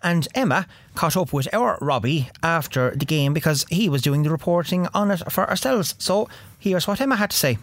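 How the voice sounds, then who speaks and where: A man's voice: fairly high pitch, animated, moderate pace, hardly any pauses, a bit bright, a little hiss or hum. A man with an Irish accent hosting a sports discussion. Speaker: sports show host.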